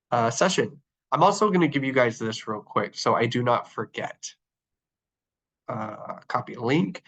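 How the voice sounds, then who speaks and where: A man from Arizona, his mid-range, fairly bright voice nasal and congested from the flu, leads an online training session over poor audio. He stays upbeat while clicking through his screen, with plenty of ums and uhs.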